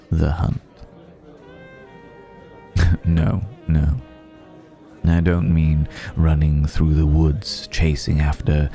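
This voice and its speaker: A man performs the full character voice of an extremely low, mellow vampire in an intimate ASMR roleplay, murmuring over soft background music. The centuries-old figure comes across as urbane and quietly predatory, with a gravelly creak and a silky mood. He speaks in a measured, reflective way, letting the pauses linger.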